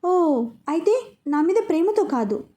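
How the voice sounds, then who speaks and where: Woman as a young wife, soft and pleading, high and mellow. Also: very animated, measured pace, heavily acted. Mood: sulky. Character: young pregnant wife, sweet and sulky.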